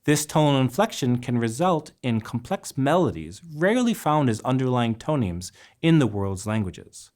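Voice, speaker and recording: Lively-voiced man narrating a linguistics lesson. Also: mid-range voice. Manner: measured, careful pronunciation of example words. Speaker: lecturer. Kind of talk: scripted narration.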